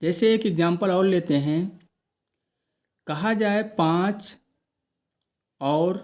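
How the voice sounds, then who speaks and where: A man's voice: sits high, slow pace, darkish tone. A man teaching a math lesson, posing questions to the class and answering them himself.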